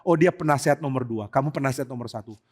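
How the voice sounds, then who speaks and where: A pastor voicing a young male usurper king, who speaks in a low, hesitant, musing way. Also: rapid-fire, husky, close to an everyday voice.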